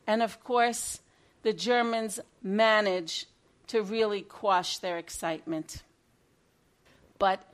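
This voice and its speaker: A woman telling a story as part of a lesson, with a voice a little higher than most. She shifts from loud, bright emphasis to quiet, low passages, and her delivery stays dramatic throughout. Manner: expressive, swings between loud and hushed.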